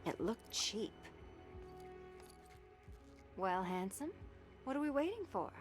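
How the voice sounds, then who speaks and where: A woman's voice: mid-range voice, very animated, slow, soft background music. A woman voice-acting a sly, flirtatious female thief in a video game, teasing and sardonic. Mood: teasing, wry.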